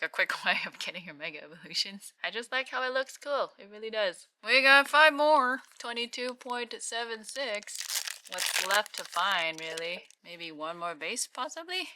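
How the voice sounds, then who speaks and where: A woman giving casual, unscripted commentary as a card-opening host, moving between quiet murmurs and louder exclamations. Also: fairly low pitch, no room sound.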